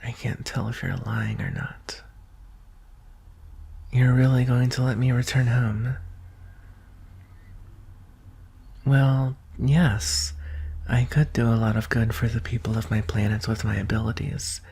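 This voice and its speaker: A man performs a soft, intimate ASMR roleplay as a gentle, vulnerable young alien prince, sounding surprised and hopeful. His mid-range voice is breathy and soft, often dropping to a whisper, and he speaks slowly, hesitantly and earnestly, with long pauses.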